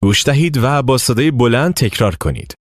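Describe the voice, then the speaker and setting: A man narrating a language lesson, giving clear step-by-step instructions. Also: mid-range voice, lively intonation, dry recording, studio quality. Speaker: language teacher.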